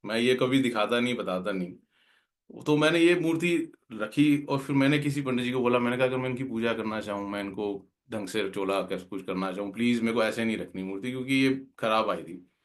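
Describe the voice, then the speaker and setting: A man's voice: medium pitch, fairly quick. A man earnestly telling a heartfelt personal devotional story, slipping English words into his talk. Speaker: guest speaker at a devotional gathering.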